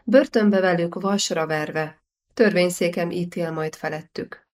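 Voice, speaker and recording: A woman's voice: fairly low pitch, darkish tone, close to an everyday voice. A woman voicing a stern, cold, aging medieval king who gives commands. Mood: commanding.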